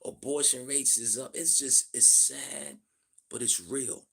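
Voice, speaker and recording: Gravelly, husky man in his fifties, ranting. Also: medium pitch, slow pace, a bit bright. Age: 50s. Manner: blunt, profane, preachy rant; greets viewers in the chat. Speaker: livestream host. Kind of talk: livestream monologue.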